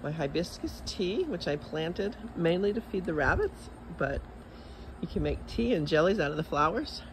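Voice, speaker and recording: Holding a phone camera as he strolls, a Texan-accented man shows off his backyard garden in a suburb, chatting easily with lively upward lifts in his voice. The recording is outdoor phone audio in which background noise is plainly audible.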